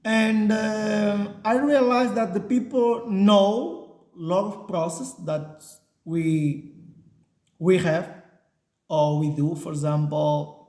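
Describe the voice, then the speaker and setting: In this casual vlog filmed in an echoey room, a Portuguese-speaking man who works as a software engineer and runs the channel speaks slowly, stopping and restarting often and leaning on fillers. His high voice is a little mellow, with fairly even intonation. Portuguese is his first language, and his English is halting.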